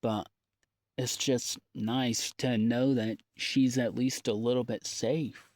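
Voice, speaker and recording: Speaking into his own audio log, a man rambles in a confessional, downbeat, folksy way, slow and halting with long gaps between ideas. His medium-pitched voice is fairly even and a little mellow, and the dry sound carries no echo or room.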